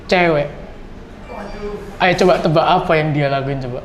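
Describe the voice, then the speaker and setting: With a crowd audible behind him, a man with a fairly high voice chats casually at a moderate pace as a podcast host. He tells stories animatedly and repeats words, recorded in an echoey room with light noise.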